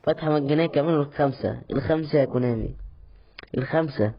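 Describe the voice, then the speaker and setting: A man's voice: a little high, quick pace, muffled recording, a little hiss or hum. A young man with an Egyptian accent giving casual pack-opening commentary, chatty and mock-exasperated as he pleads with the game. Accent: Egyptian Arabic. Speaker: gaming YouTuber.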